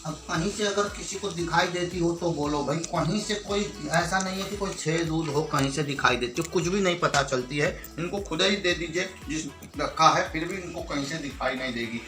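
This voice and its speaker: In this clip, a slightly high-pitched Indian man talks at normal speed with few pauses, picked up by a distant mic in an echoey room over background music. Calling his viewers friends, he teaches magic in the style of a party magician, with counting, made-up magic words, and showman patter while he shows off tricks he's selling.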